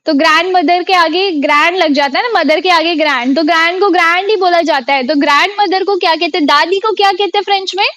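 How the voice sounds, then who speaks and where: High-voiced Indian woman tutoring online. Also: fairly quick, few pauses, a bit bright. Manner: quizzing students, repeating words. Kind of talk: live online class teaching. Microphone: video call.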